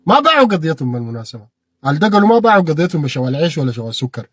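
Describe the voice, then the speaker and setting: A man with a Sudanese Arabic accent giving an impassioned political monologue, repeating phrases and bursting into shouted peaks. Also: fairly high pitch, very animated, rapid-fire, slightly rough, no room sound, clean studio sound. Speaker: political commentator.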